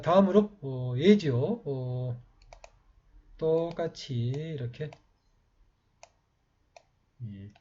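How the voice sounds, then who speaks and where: A man giving a slow, patient step-by-step writing lesson, talking while he writes, with many pauses. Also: mid-range voice, dark tone. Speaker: calligraphy teacher. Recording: slightly dull lo-fi sound with faint noise.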